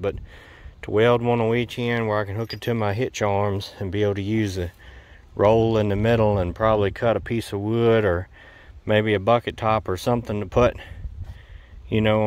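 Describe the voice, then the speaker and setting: This homestead DIY video maker speaks in a smooth, fairly low voice with a Southern US accent as he works outdoors on his rural property. He walks through the project casually and unscripted, plain-spoken, folksy and prone to rambling a bit.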